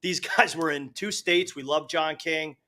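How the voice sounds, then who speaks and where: A man's voice: fairly high pitch, steady tone, unhurried, pushed and bright. A man appearing as a guest in a studio, talking eagerly and rambling with restarts into a desk mic. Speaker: event founder guest. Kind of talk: excited talk-show chat.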